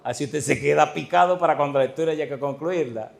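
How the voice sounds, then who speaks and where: A man's voice: a little high, fast talker, creaky. Man preaching a story-filled sermon. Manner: lively storytelling, addressing the congregation with questions. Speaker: pastor. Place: church.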